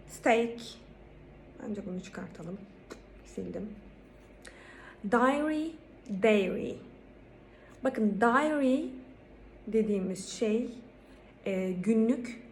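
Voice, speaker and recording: A woman with a Turkish accent giving a pronunciation lesson, saying each English word louder and higher, then explaining it calmly. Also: slight background noise. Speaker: English teacher.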